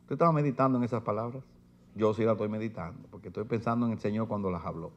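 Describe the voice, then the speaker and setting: A man's voice: on the low side, racing, dull audio. A man preaching a sermon in church, reading scripture aloud with force and putting rhetorical questions to his listeners. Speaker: pastor. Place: church sanctuary.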